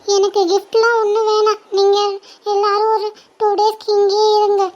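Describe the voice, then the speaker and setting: Little crying girl, very high voice, pleading and sobbing. played by a performer. dull lo-fi sound. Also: monotone, moderate pace, darkish tone. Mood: tearful pleading. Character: little girl, clingy and tearful niece.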